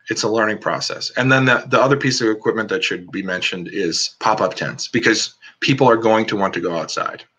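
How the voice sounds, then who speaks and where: A man speaks over a video call with a bright, forceful edge to his voice. He is a cinematographer chatting casually as a guest, filling his sentences with "like" and "um" as he rambles through his thoughts. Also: fairly low pitch, breathy edge, lo-fi sound. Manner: rambling, many "like" and "um" fillers.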